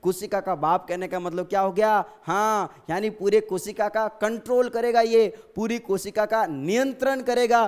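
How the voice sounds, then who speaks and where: A man's voice: high voice, fairly even intonation, normal speed, hardly any pauses, clean tone. A male teacher giving a science lesson, asking questions and answering them himself while repeating key terms and addressing the students fondly. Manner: repetitive, drilling terms.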